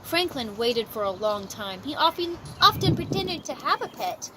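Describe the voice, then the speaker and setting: Outdoors at a park, a woman reads a children's story aloud with expressive, deliberate phrasing and throws in chatty asides. The amateur recording is noisy, with an ambient rumble.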